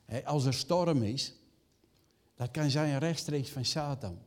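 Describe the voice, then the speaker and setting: An older pastor with a mid-range voice preaches slowly, putting rhetorical questions to the congregation. When quoting reactions, he raises his voice and acts them out with rising emphasis.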